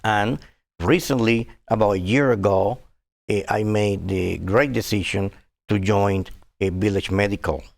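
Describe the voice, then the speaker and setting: Guesting on a TV interview, a doctor from Cuba in his sixties talks in an earnest, halting way packed with fillers. His voice is fairly low, steady in tone and gravelly.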